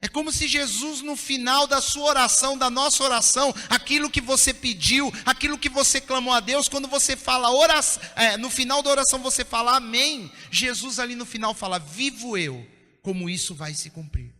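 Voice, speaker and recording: High bright preaching man in a hall. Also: fairly even intonation, brisk, few pauses. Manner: impassioned preaching, often drops to soft intense tones. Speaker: pastor. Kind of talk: sermon. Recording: long reverb of a church hall.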